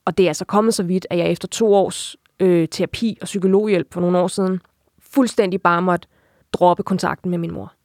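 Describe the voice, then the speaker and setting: Young woman interviewee, lowish voice, open and reflective storytelling. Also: steady tone, a little mellow, no echo, clean studio sound. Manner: reflective and open, frequent filler tags. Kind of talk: candid personal account.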